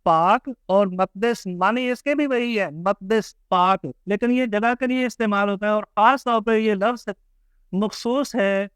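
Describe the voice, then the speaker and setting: Man, language teacher. Patient, repeats words slowly. High, smooth voice, dry close mic. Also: fairly bright tone, no room sound. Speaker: Urdu pronunciation teacher. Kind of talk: slow, careful teaching monologue.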